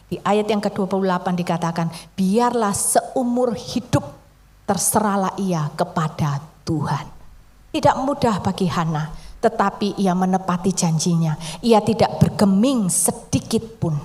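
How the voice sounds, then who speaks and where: A woman preaching a sermon in a conversational storytelling way, often dropping to a soft near-whisper for emphasis. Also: fairly low pitch.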